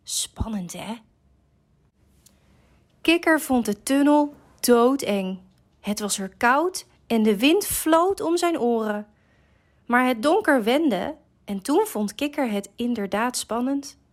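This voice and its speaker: A woman reading a children's story aloud, slow, gentle and expressive. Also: on the high side.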